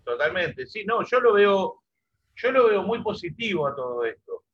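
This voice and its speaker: A man's voice: high voice, big pitch swings, normal speed, a bit bright, slightly rough, dull audio. A middle-aged Argentine man, a musician and music teacher from Santa Fe, talking casually in an interview over a video call. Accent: Argentine Spanish (rioplatense voseo).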